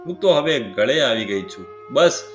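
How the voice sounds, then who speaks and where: A man voicing a shrewish sister-in-law who scolds loudly. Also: lively intonation, moderate pace, lightly acted. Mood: wailing. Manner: shrill, loud scolding. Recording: roomy with clear music behind.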